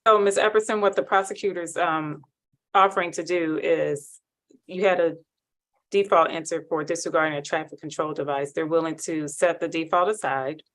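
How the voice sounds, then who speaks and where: A woman judge, heard on a courtroom recording, running a hearing in a brisk, formal way and reading procedure by rote. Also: deep voice, fairly even intonation.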